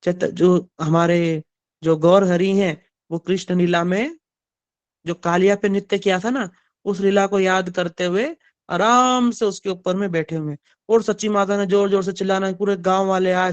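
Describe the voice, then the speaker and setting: High, clear-voiced male storyteller. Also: moderate pace, no room sound. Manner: animated storytelling, asks the audience. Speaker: spiritual storyteller. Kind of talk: devotional story sermon.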